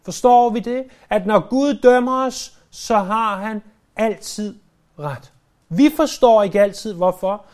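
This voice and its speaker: A man with a high voice delivers a sermon. He tells the story vividly and drags out the words he wants to land, drawing the congregation into the account. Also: darkish tone. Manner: vivid storytelling, slowing down to stress key words. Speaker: preacher.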